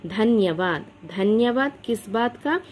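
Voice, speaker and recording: A woman reading the part of a stern adult male employer who scolds and lectures his governess, in a slow, sharp tone. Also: fairly high pitch, animated, slight background noise. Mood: scolding.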